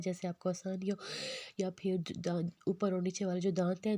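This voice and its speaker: A woman teaching Quran reading in a recorded lesson, patiently explaining and slowly repeating letter drills. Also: lowish voice, mellow, no echo.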